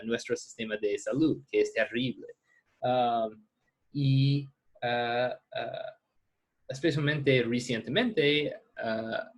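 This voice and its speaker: A male teacher speaks Spanish with an American accent, as a native English speaker does. His delivery is slow and halting, at a middling pitch, as he searches for the right word while leading a class discussion. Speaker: ethics teacher. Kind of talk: lecture discussion with students.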